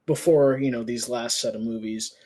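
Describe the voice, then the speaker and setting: A man's voice: medium pitch, fairly even intonation, normal speed, warm tone. A young man co-hosting a casual podcast chat, rambling with lots of fillers and restarts. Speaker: podcast co-host.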